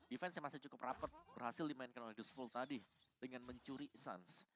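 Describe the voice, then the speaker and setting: A man's voice: medium pitch, quick pace. A man giving explanatory live analysis as a commentator on an esports match. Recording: noisy live game broadcast.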